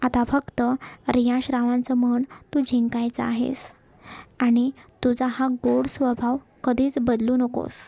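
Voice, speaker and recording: A woman's voice: on the high side, completely flat delivery, unhurried, vocal fry, warm tone, no room sound. A woman voicing a caring middle-aged mother in a read-aloud story, speaking affectionately with a scolding edge. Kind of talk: storybook narration.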